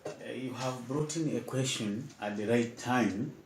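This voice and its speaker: A man's voice: mid-range voice, a little hiss or hum. Man in his fifties, echoey room. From Uganda. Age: 50s. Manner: measured, formal phrasing with repeated words. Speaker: guest, head teacher. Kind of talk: formal interview answers. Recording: echoey room, mic at a distance.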